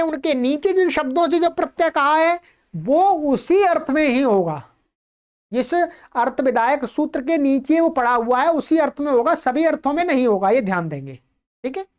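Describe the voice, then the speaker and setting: A woman teaching a grammar lesson online, explaining rules step by step, checking in with her students and slowing down to recite rules. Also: high-pitched. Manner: explanatory, checks in with listeners often. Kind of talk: online lecture.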